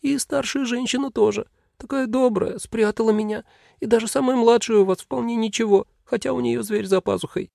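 A man's voice: extremely high pitch, fairly even intonation, a little fast, creaky, warm tone, dry recording, clean studio sound, voice pushed up, heavily acted. A man voicing a lonely, sorrowful male demon who talks in a plaintive, pleading way.

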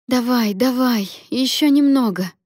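A woman reading an audiobook voices a brisk young woman helping at a birth, urging and excited. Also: fairly low pitch, husky, dry recording, clean studio sound.

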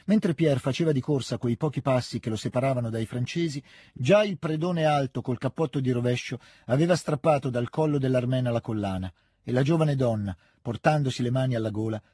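A man giving a measured, even audiobook reading of a literary novel into a close studio mic. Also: mid-range voice, slightly rough, no room sound. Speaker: audiobook reader. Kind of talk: scripted literary narration.

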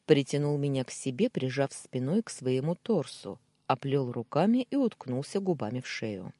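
An audiobook narrator reading first-person prose in a husky, mellow manner. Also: medium pitch, big pitch swings, normal speed, no echo.

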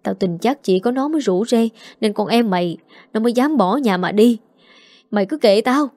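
A woman's voice: on the high side, expressive, normal speed, warm tone, no echo, studio quality, close to an everyday voice. A woman playing a weak, weary young man. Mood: pleading. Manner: faint, pleading.

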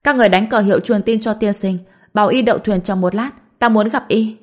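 Young noblewoman, voiced by a woman, strong-willed, brisk commands, storybook. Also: mid-range voice, voice pushed up, natural voice. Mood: eager, commanding. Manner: brisk orders.

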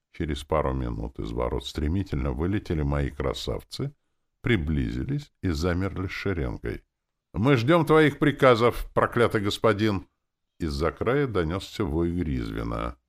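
A man narrating a first-person audiobook in a wry, expressive reading. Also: extremely low pitch, vocal fry.

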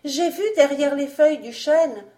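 A woman voicing a frightened young boy in a storybook reading, speaking in a high, eager and startled way. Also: unhurried, warm tone. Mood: wondering.

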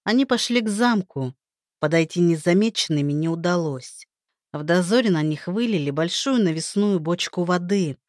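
A woman narrating a fantasy story aloud in a steady storytelling manner. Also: fairly low pitch, normal speed, dry recording, clean studio sound.

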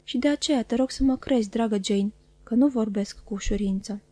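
A woman reading the part of a timid, gentle young mother who speaks shyly and hesitantly. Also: a little high, dry recording, natural voice. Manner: shy, hesitant.

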